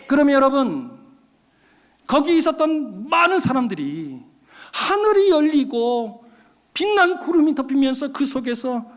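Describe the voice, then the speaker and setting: A male pastor delivering a sermon, telling a story in an animated way and addressing the congregation. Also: extremely high pitch, unhurried. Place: church sanctuary. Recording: long reverb of a church hall.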